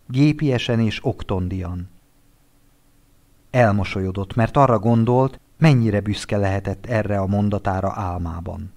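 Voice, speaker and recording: Measured low-voiced male audiobook narrator. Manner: measured, expressive reading.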